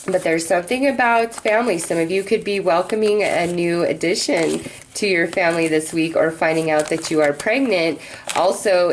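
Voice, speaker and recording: A woman's voice: on the low side, slight background noise, rough recording. A woman giving a casual mystical horoscope reading, chatty and reassuring, speaking straight to the listener. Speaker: astrology tarot reader, host.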